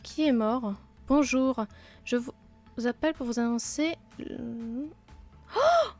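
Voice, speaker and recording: A woman's voice: a little high, unhurried, a little mellow, soft background music. A woman hosting a game let's play, talking casually and self-mockingly with many fillers, sick with a blocked nose and sore throat.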